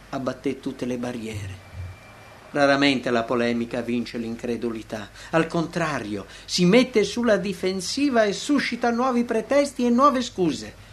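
A man reading a devotional text aloud in scripted narration, expressive, with emphatic rises and slowed phrases. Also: on the high side.

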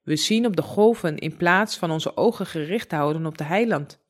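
A woman with a slightly low-pitched voice reads a devotional Bible story aloud. She narrates in a calm, measured way, as scripted storytelling.

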